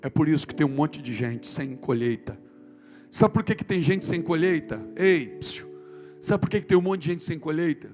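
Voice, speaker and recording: A Brazilian man preaching a sermon as pastor, impassioned, swinging from hushed speech to shouting. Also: a little high. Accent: Brazilian Portuguese.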